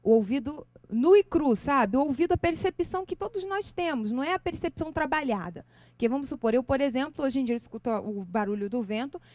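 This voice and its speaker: A Brazilian woman lecturing to a live audience on music and spirituality, animated and expressive, asking her listeners question after question. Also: brisk, dry recording. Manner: lively, expressive intonation with sudden leaps in pitch. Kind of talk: seminar talk to a live audience. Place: lecture venue.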